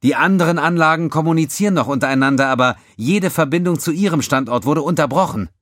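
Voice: mid-range voice, fast talker, a bit bright, no room sound, clean studio sound, pitched above the performer's own voice, natural voice. A man voicing a decisive starship captain giving firm commands. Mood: informing.

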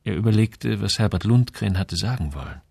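A man reading a novel aloud in measured scripted narration. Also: on the low side, lively intonation, creaky, darkish tone, slightly rough, dry recording, clean studio sound. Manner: measured storytelling. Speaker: audiobook narrator.

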